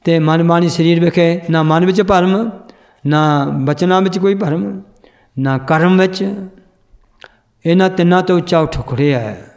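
A man teaching scripture, explaining verses and correcting a student's pronunciation, chanting the lines slowly. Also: fairly high pitch, darkish tone. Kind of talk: religious teaching and pronunciation drill.

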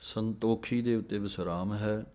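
A man teaching scripture recitation, chanting verses slowly and drawn out, then explaining how each word should be pronounced. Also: fairly low pitch, fairly even intonation, dark tone. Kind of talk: slow recitation lesson with pronunciation notes.

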